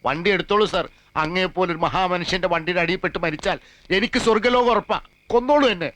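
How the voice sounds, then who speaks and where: A man's voice: sits high, steady tone, racing, bright, forceful tone. An actor playing a man who begs an officer with grovelling, flowery pleas in a comic film. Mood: pleading. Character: fawning, theatrical man begging an officer.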